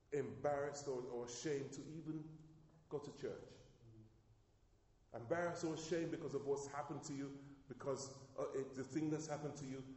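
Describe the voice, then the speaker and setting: Mellow-voiced man preaching in an echoey church. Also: mid-range voice. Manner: preaching with calls to the congregation and rising emphasis. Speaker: pastor. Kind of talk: sermon.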